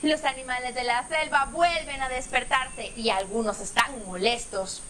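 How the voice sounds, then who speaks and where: A woman storyteller reading a children's bedtime story aloud, animated, with playful sound effects. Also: high voice, moderate pace, a little hiss or hum.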